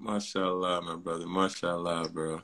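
A man's voice: low voice, flat delivery, a bit bright. A man in his forties hosting a livestream video call from a room indoors, talking into a phone held close, upbeat and laughing often. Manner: upbeat, quick greetings with lots of laughing. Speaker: livestream host. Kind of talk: casual video call chat. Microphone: phone at close range.

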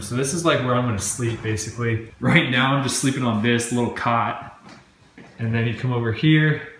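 An American man in his twenties, a soccer player, excitedly vlogging in a rambling casual way on a handheld camera. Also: on the low side, slight background noise. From USA. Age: 20s. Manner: excited, rambling, restarts sentences. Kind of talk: casual vlog narration. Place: indoors at home and outdoors in the city. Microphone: handheld action camera.

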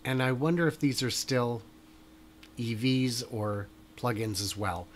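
A man's voice: mid-range voice, measured pace, slight background noise. A man co-hosting a casual news chat show, joking around and thinking aloud. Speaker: podcast co-host.

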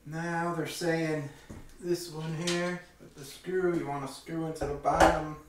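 His voice is fairly high with a level tone, and he speaks a little slowly. A middle-aged hobby vlogger, he gives a hands-on product demonstration in a casual, folksy, plain-spoken way from a small indoor room at home. The camera sits a few metres away, producing a very echoey, distant recording with faint noise.

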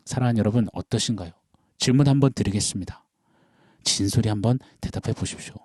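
A male pastor preaching an early-morning sermon, swinging from loud cries to hushed whispers and acting out prayers in quoted voices. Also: mid-range voice, dry recording, clean studio sound.

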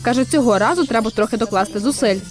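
A woman reporter with a very high-pitched voice. She reads a scripted news voice-over at a rapid pace. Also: faint music behind.

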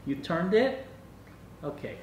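An older man speaks slowly but very animatedly in a high voice while casually hosting a home vlog and testing a gadget. He's recorded in his dining room by a camera mic across the room, so the audio is echoey with faint noise.

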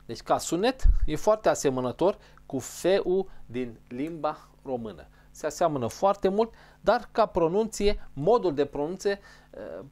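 A man's voice: on the high side, lively intonation, darkish tone. A man teaching a pronunciation lesson, patiently repeating each sound and carefully explaining how it is formed. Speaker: language teacher.

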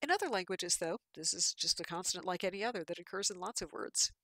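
A woman's voice: lowish voice, lively intonation, fast talker, sharp tone, no echo. A woman giving a patient, explanatory lecture with slides, with fillers and restarts.

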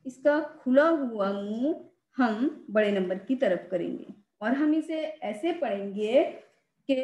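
A woman's voice: on the high side, mellow, roomy sound. A woman teacher explaining a children's math lesson patiently, repeating and stressing the key words.

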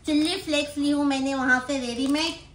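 In a casual vlog about groceries, a middle-aged Mumbai-accented woman explains her purchases and keeps asking small check-in questions. Her voice is high-pitched and fairly bright, steady in tone and fairly quick. She sits on the floor in a small indoor room while someone nearby films on a phone, leaving roomy echo and faint background noise.

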